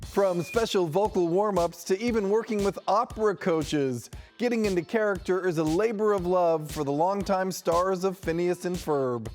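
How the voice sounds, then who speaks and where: Male entertainment host, scripted narration, high-pitched, polished. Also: normal speed, darkish tone, soft background music.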